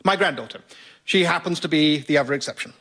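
A man's voice: a little high, fast talker, very noisy, close to an everyday voice. A man playing an older science professor, earnest and lecturing.

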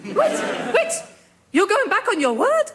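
A woman playing a quick-tempered male French count and swordsman with an outrageous put-on French accent. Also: extremely high pitch, huge pitch swings, noisy background, heavily acted. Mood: hot-headed. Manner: haughty, hot-headed.

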